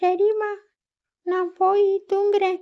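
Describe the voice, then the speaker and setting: A woman's voice: very high voice, flat delivery, takes it slowly, lo-fi sound, exaggerated voice. A woman voicing a hungry, frightened little girl who pleads with her mother. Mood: pleading.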